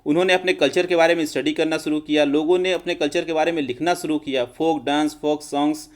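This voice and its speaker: A man's voice: a little high, fairly even intonation, fast talker. A male teacher, giving an explanatory history lecture and often calling his students friends. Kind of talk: classroom lecture.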